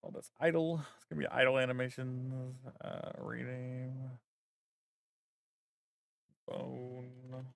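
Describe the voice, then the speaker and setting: A man's voice: mid-range voice, flat delivery, slow, creaky, pauses often, dry recording, studio quality. Rambling male vtuber streamer. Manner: rambling, thinking aloud with many fillers. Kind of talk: casual stream chat while working.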